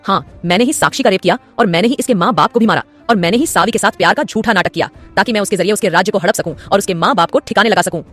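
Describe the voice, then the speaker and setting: A woman's voice: medium pitch, rapid-fire, hardly any pauses, faint music behind, close to an everyday voice. A woman voicing a scheming, treacherous male commander who mocks and gloats in an audio story. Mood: gloating. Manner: mocking, gloating.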